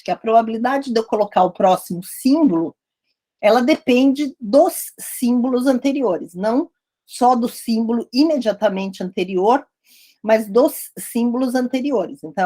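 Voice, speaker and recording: A woman's voice: fairly high pitch, moderate pace, warm tone. Woman giving a maths lecture. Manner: explanatory, repeats points with frequent "né?" checks. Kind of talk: academic lecture.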